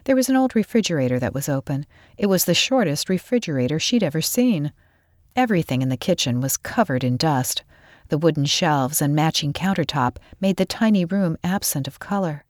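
Low-voiced woman narrating a storybook. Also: dry recording, clean studio sound. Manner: expressive, measured.

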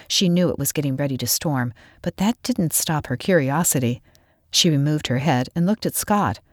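Brief: woman storybook narrator, low and expressive, dry mic. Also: dry recording. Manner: expressive, measured.

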